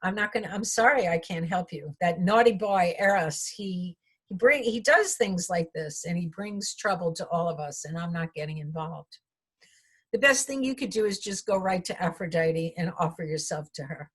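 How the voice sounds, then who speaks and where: A woman storyteller voicing a flustered queen goddess who refuses in a hurried, evasive way. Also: lowish voice, animated, slightly rough.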